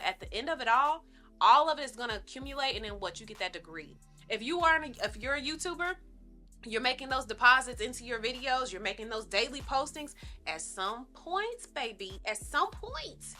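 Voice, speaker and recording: A woman's voice: medium pitch, pushed and bright. A woman vlogger chatting casually to her viewers, sharing self-help tips in an encouraging, emphatic, conversational way. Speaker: lifestyle vlogger.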